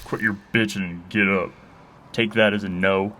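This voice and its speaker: A gruff old police chief in a spoken story, low-voiced and sneering as he taunts his captive. His drawl is slow and menacing, as a male narrator voices him. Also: steady tone, bright, forceful tone, a little hiss or hum. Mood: taunting.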